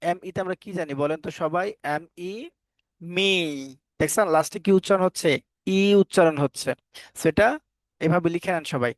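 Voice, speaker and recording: A man leads a live online English class, teaching letter sounds. His voice sits a little high, and the sound is dry and close to the mic. He keeps quizzing the students and turns firm when they misbehave. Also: darkish tone, no echo. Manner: repeats questions to students, firm and scolding at times.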